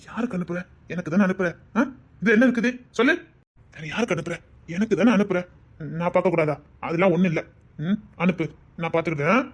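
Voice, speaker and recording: A man's voice: sits high, fast. A young man with a Tirunelveli Tamil accent playing a manipulative, greedy boyfriend who sweet-talks insistently on the phone. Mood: sweet-talking. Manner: coaxing, insistent, keeps asking 'understand?'. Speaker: scheming boyfriend on a phone call. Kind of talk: web drama acting.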